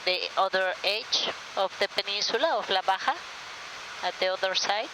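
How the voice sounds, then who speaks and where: A woman's voice: medium pitch, moderate pace, background noise. A woman airline pilot with a Mexican accent, talking and explaining things informally in the cockpit during flight. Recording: clear aircraft cockpit drone.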